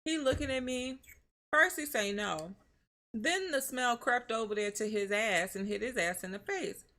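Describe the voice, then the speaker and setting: A woman with a bright voice, a little above the usual pitch, co-hosting a live reaction stream. She tells a story in a lively, profane way and keeps breaking into laughter. It sounds like easy, casual talk with an audience. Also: normal speed. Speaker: streamer co-host.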